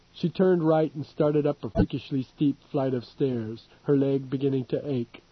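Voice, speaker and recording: A man reading an audiobook in a steady, measured narration. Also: mid-range voice, no echo. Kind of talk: scripted narration. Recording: dull lo-fi recording.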